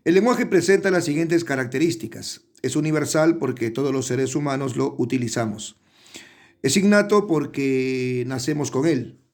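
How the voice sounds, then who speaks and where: A man's voice: mid-range voice, moderate pace, darkish tone. A middle-aged man, a teacher giving an online class who explains step by step and often checks in with his students. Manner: explanatory, addresses students often, frequent tag questions.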